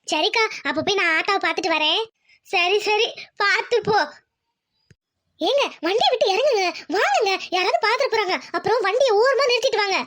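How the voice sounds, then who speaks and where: A woman's voice: very high-pitched, lively intonation, quick pace, hardly any pauses, fairly bright tone. A woman voicing a timid young village wife in a cartoon, anxious and pleading. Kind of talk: cartoon voice acting.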